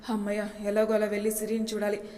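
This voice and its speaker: A woman's voice: medium pitch, monotone, fast talker, dark tone, lightly acted. A woman voicing an anxious young office worker who muses earnestly to himself. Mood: longing. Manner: worried, earnest inner musing. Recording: long reverb echo.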